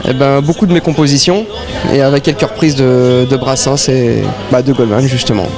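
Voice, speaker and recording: At a concert venue, a singer in his thirties answers a casual interview hesitantly with shy little laughs. His medium-pitched voice is steady and fairly quick, with music in the background.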